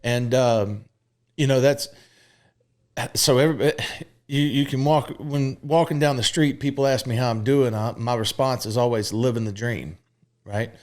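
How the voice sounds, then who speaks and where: A man's voice: medium pitch, moderate pace, a little mellow. A man in his thirties from Mississippi, a podcast guest telling his life story frankly and openly, with fillers and the odd curse. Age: 30s. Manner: frank and open, peppered with fillers and profanity. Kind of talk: candid conversational storytelling.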